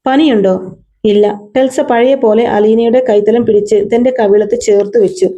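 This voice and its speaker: A woman reading a novel aloud in a steady storytelling manner, lightly voicing the dialogue. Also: a little high, moderate pace, muffled recording. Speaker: narrator.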